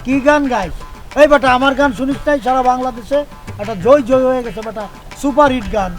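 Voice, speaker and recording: A man's voice: very high voice, fairly quick. A man playing a boastful, bossy village man who scolds and brags, with faint music behind. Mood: scolding. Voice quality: blustering, scolding. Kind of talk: comic village drama acting.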